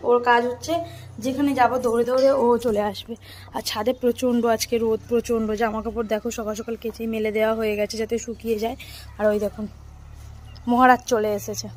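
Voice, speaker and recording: A woman's voice: on the high side, little pitch movement, fast talker. A young woman chatting to viewers as she films her home and rooftop on a phone, out of breath from the heat. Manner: chatty, addresses viewers directly. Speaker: family vlogger. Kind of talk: casual home vlog narration. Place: house and sunny rooftop, indoors and out.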